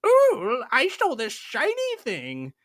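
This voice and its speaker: A man voicing a shrill, greedy little male goblin in a tabletop game story. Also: wildly swooping pitch, slow pace, a bit bright, no echo, studio quality, full character voice. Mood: gleeful.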